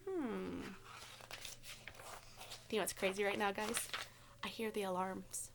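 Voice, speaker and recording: A medium-pitched woman with vocal fry reads a picture book aloud to kids, expressive and stopping to ask simple questions. She teaches elementary school, and there is background noise.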